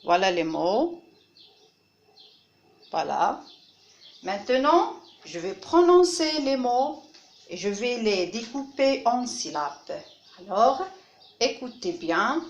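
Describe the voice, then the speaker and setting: This primary school teacher, a woman with a North African French accent, leads children through a phonics lesson, speaking slowly and deliberately and repeating every word to model its sound. Her voice is slightly high and very animated, and the audio is dull with a roomy quality.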